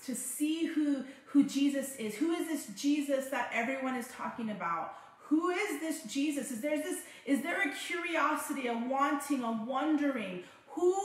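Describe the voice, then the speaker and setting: A woman pastor delivers a fervent sermon in a bright, high voice. She presses her points by repeating phrases. Her voice rings through a very echoey church room.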